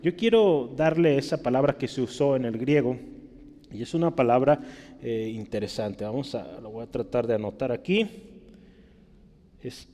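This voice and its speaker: A man's voice: medium pitch, moderate pace, mellow, big-room sound. A man with a Mexican Spanish accent preaching a conversational sermon, often checking in with his listeners. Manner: conversational teaching, frequent tag questions.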